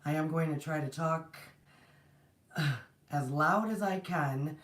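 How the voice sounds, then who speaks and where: Speaking slowly in a low-pitched voice, a spiritual platform host greets her livestream viewers warmly between rambling, often restarted thoughts. Her voice is strained and partly lost. The distant, improvised mic leaves her sounding far off in an echoey space.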